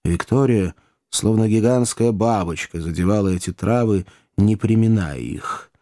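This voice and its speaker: A man reading an adventure novel aloud in an even, descriptive storytelling manner. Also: on the low side, measured pace, dry recording, studio quality. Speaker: audiobook narrator. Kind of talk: scripted audiobook narration.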